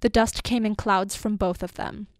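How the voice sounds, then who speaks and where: A woman's voice: medium pitch, dry recording. Woman reading a story, dry and close. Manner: measured and expressive, lingering on lists. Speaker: narrator.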